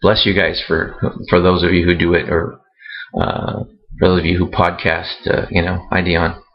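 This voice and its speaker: A man talking casually to his readers in a vlog, halting and rambling with many fillers and restarts. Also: sits low, completely flat delivery, dull audio. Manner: self-conscious about speaking on camera. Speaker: author vlogging to readers.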